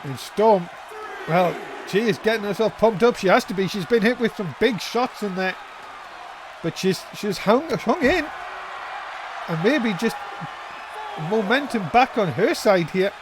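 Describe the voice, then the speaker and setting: A man calling a wrestling match play-by-play as a commentator, in an excitable, exclaiming manner. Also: high voice, unhurried, long pauses. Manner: excitable, exclaiming at big moves. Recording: loud crowd noise behind commentary. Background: noisy crowd.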